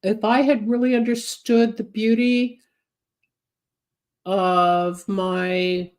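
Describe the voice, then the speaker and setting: Speaking slowly at a medium pitch with fairly even intonation, a woman in her 70s rambles through a solo live psychic advice show, her tone a little mellow. She chats at length, jumps from subject to subject, gives advice, and reads comments from viewers, all while congested, coughing, and recovering from a cold.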